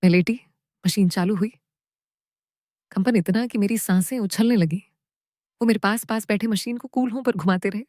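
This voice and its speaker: A woman narrating a first-person story, in short phrases with dramatic pauses. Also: medium pitch, a little mellow, dry recording, studio quality.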